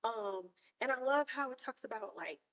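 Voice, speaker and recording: A woman hosting a podcast, retelling a TV episode in casual chat and acting out the characters in big, excited bursts. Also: moderate pace. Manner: animated storytelling, acts out characters with big high-pitched bursts. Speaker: podcast host.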